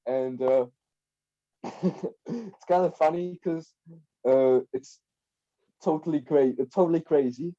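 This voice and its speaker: A young Czech man with a slightly high, mellow voice speaks slowly, leaving long pauses. He's a guest life coach chatting casually on a podcast, rambling and repeating words, with plenty of fillers like "like" and "right?". The recording sounds dull and lo-fi.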